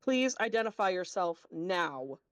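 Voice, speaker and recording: A low, gravelly, armed robot sentry played by a woman for a tabletop game. He is stern and wary, issuing formal commands in a close, dry sound. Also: big pitch swings, a little slow, no echo. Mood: stern challenge. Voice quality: deep, gravelly. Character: stern, armed, wary male Warforged soldier on guard.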